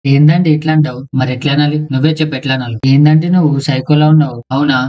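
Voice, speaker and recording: Rowdy cartoon man with fast crude banter. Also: fairly high pitch, steady tone. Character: bickering young village friends and bus folk. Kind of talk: cartoon comedy voicing. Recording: muffled, dull, noisy sound.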